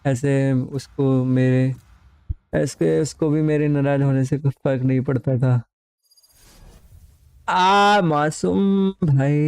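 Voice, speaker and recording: A man's voice: medium pitch, warm tone, no room sound. A man from India live-streaming a game, chatting casually, teasing viewers and reading chat aloud, mixing in English phrases.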